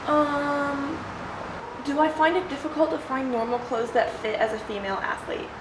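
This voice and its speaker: A woman's voice: high voice, steady tone, moderate pace. A young adult woman chatting informally and bluntly as she answers viewer questions in a solo vlog. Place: ice bath, sheltered outdoors or open to rain. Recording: roomy echo with clear background noise.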